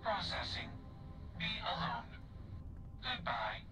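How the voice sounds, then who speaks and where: A man voicing a gentle, literal sentient machine that speaks like a processing computer and labels each remark with a keyword. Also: high voice, sing-song, slow pace, exaggerated voice. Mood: fading, solemn. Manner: robotic speech tagging each remark with a keyword like query, context, processing. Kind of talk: video game dialogue. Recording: game audio with loud music. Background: loud game music.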